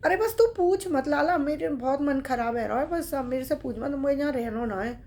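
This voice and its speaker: A woman voicing an elderly male devotee, complaining loudly in a hurt, stubborn way. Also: fairly high pitch, moderate pace, gravelly. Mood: bitter. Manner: loud, aggrieved, complaining.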